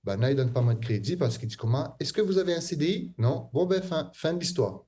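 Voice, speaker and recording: Mellow-voiced man. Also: on the high side, expressive, brisk. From Réunion. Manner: hesitant, many fillers and restarts. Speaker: guest artist. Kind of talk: casual interview answers.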